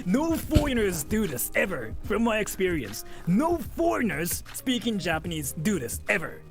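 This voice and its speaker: A streamer giving excited, casual reaction commentary. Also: medium pitch, a little slow, faint music behind. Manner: excitable, mixes phrases.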